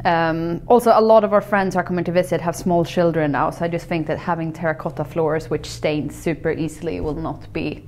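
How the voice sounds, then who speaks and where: A woman's voice: sits low, fairly even intonation, brisk, few pauses, a little mellow, a little hiss or hum. Upbeat young woman vlog host. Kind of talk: casual vlog presenting to camera. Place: bare farmhouse room.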